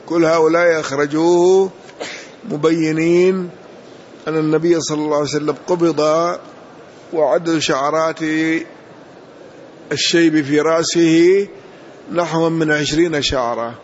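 A man's voice: fairly high pitch, steady tone, moderate pace, long pauses, a little hiss or hum. A man teaching as sheikh, explaining a text line by line, correcting the reader and often saying "yes". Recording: dull lo-fi lesson recording.

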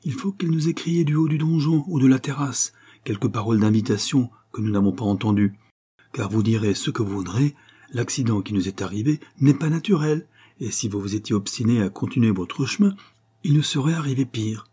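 A man reading aloud, voicing a simple, superstitious coachman who speaks earnestly and respectfully, in a raised, husky voice. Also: mid-range voice, brisk, dark tone, lightly acted. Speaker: postillion.

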